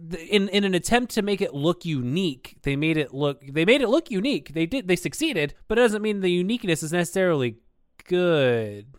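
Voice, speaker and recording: A young man co-hosting a podcast, chatty and quick to laugh, full of asides. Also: high voice, expressive, dry recording, clean studio sound. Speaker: podcast co-host. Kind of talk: casual chat.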